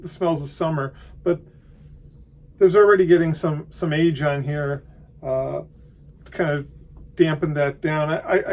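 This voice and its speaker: A man giving a casual, unscripted tobacco review, hesitant and halting as he thinks aloud. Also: fairly high pitch.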